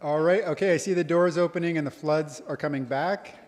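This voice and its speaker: An event emcee at a college convocation coaxes people back to their seats with light laughs, his fairly high, darkish voice moving fairly quickly. His announcements ring out with long reverb through a large hall.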